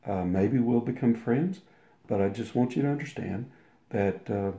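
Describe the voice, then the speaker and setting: His voice has a dark tone, medium pitch, and a moderate pace. The older man, an interview guest, casually tells a long rambling anecdote full of restarts and performed quotes, and the recording has roomy echo.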